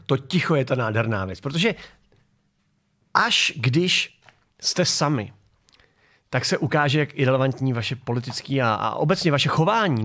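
Man, sarcastic commentary host, mid-pitched voice, talking from a garage. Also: a bit bright. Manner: mocking, sarcastic. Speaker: political commentary show host. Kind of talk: sarcastic commentary over video clips.

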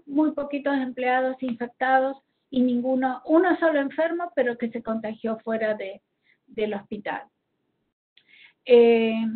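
A woman from Argentina, speaking with an Argentine Spanish accent and a high voice, walks through slides as a health professional at a seminar. She hesitates and searches for words, and the online call connection sounds tinny, like a phone.

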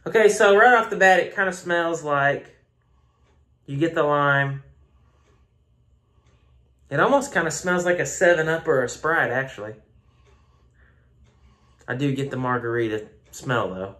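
Filming on a phone in a room at home, a Southern-accented beer reviewer rambles casually and makes fun of himself. He speaks at a measured pace with long pauses, in a voice on the high side that sounds pushed and bright.

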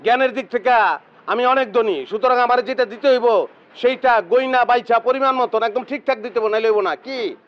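A pompous know-it-all teacher. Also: male voice, extremely high pitch, normal speed, highs cut off. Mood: lecturing. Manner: pompous, lecturing, keeps asking "understood?". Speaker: self-styled teacher lecturing at a tea stall. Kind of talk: TV comedy drama acting.

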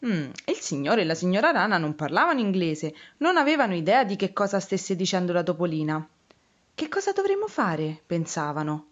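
A teacher, a woman, reading a story aloud to children in an expressive, animated way. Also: lowish voice, a little fast, few pauses, muffled recording.

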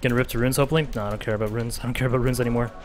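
Excitable man streaming a game. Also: mid-range voice, rapid-fire. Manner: excitable, chatty, repeats phrases in playful bursts. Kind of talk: live gameplay commentary. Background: game music.

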